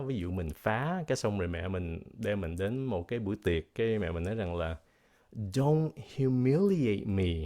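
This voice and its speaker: In this bilingual lesson, the American man's low voice has a darkish tone. He explains English words slowly, repeats how to pronounce them, and shifts between English and Vietnamese.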